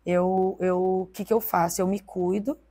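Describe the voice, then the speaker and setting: A young adult woman guest telling her personal faith testimony in an emotional, animated storytelling manner. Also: fairly low pitch, unhurried.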